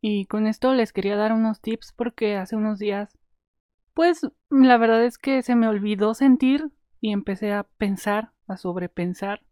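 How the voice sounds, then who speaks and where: A woman's voice: medium pitch, normal speed, mellow, no echo, clean studio sound. A young woman with a Mexican Spanish accent giving casual, candid advice to the camera, acting out her own inner voice. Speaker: vlogger.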